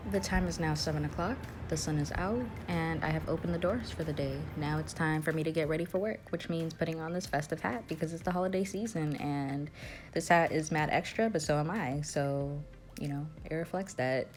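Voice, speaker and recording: A woman's voice: low-pitched, a little fast, background noise. A young woman narrating a casual vlog as a barista, chatty and slangy, often joking about herself. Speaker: barista vlogger.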